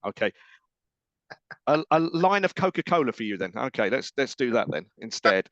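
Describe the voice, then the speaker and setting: A man's voice: medium pitch, big pitch swings, moderate pace, a bit bright, no room sound, lo-fi sound. An English man hosting a radio show, chatting casually with a guest, joking and teasing with lots of restarts. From England. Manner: jokey, teasing, rambling with restarts. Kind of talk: casual on-air interview chat.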